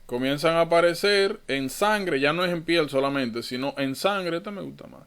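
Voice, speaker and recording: A man's voice: a little high, moderate pace, fairly bright tone, clear, resonant tone. A man tutoring medical students in an online lecture, informal and thinking aloud, often correcting himself.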